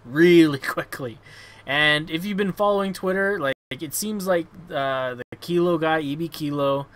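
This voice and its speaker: A man's voice: a little high, normal speed, a bit bright. A man hosting a casual gaming podcast, blunt and sweary, often repeating words as he goes. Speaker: show host.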